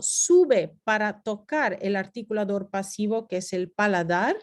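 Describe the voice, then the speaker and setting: A woman lectures over her slides at an unhurried pace, her voice sitting a little high. She explains each point step by step and drops into brief English asides for her students. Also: darkish tone. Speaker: Spanish teacher.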